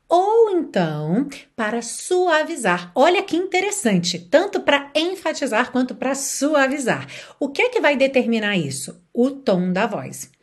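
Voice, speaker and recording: A woman's voice: a little high, slightly rough. A woman with a Brazilian Portuguese accent, teaching English in a patient lesson and acting out example phrases. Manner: explains patiently, asks the viewer questions, acts out example phrases.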